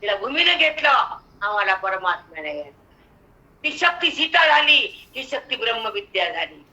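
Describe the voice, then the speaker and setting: An older woman with a Marathi accent giving a devotional discourse on scripture, slowly chanting verses and then explaining them in lively spoken asides. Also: fairly high pitch, low-quality recording. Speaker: spiritual teacher expounding scripture.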